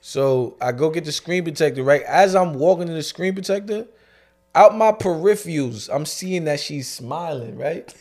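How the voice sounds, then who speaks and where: A man's voice: a little high, expressive, moderate pace, darkish tone, soft background music. A young man co-hosting a podcast, telling a casual, slang-filled story and acting out the voices of people he quotes. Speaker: podcast co-host.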